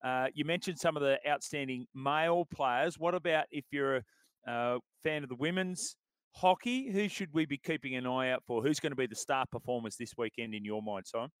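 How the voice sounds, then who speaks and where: A man's voice: medium pitch, brisk, clean tone, no room sound. A man with an Australian accent presenting sports radio in an easygoing, matey, conversational way.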